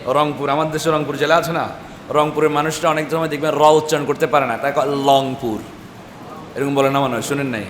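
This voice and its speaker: A man's voice: on the high side, fairly even intonation, fast, fairly bright tone. Man teaching tajweed in an echoey hall. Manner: drills students with repeated questions and chanted syllables. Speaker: Quran recitation teacher. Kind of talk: classroom tajweed lesson. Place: large echoey madrasa classroom with students. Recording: echoey hall with noisy class.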